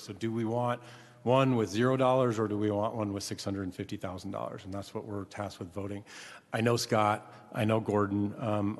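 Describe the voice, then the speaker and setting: A man chairing a city council meeting, speaking in a measured, earnest way with frequent fillers. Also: lowish voice. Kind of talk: formal council meeting remarks. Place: large council chamber. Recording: echoey council chamber.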